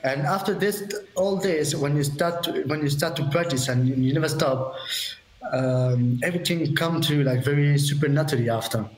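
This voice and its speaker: A young man, a stage entertainer, talking as a guest on a video call, animated and laughing as he speaks. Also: fairly high pitch, moderate pace. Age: young adult. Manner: animated, gestures while talking, laughs mid-sentence. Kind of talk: casual conversation. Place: plain bright room. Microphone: webcam on a video call. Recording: echoey room over a video call.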